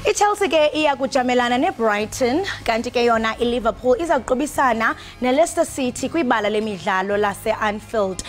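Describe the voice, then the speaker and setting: A woman's voice: a little high, brisk, few pauses. A woman with a Xhosa accent reading a scripted sports bulletin as a presenter. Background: music bed.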